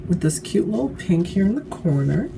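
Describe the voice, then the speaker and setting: A tipsy woman with a slightly low voice chats her way through a makeup tutorial. She rambles drunkenly in a loose, casual style and swears often. Music plays clearly behind her. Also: very animated, moderate pace, low-quality recording.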